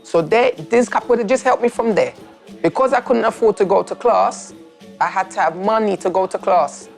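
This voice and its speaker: A young man from Turkey, telling his life story in a documentary interview, reflective and halting with many restarts. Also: high-pitched, vocal fry, faint music behind.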